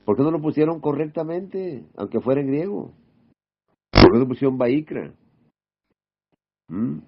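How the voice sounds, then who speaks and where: A man giving an informal sermon, firing off rhetorical questions and checking in with a quick "mm?". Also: mid-range voice, very animated. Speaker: preacher. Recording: dull lo-fi recording.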